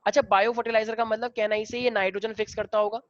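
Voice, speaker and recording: A man's voice: sits high, level tone, fast talker, no room sound, highs cut off. A male biology teacher lecturing a classroom in a chatty way, often quizzing his students.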